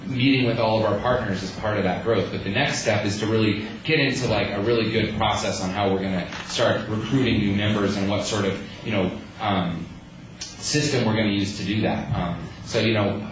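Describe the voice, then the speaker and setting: At a rally, a man delivers an earnest speech as a community organizer, restarting his sentences many times. His voice is fairly low and brisk. The recording is noisy and echoey, with the speaker far from the mic.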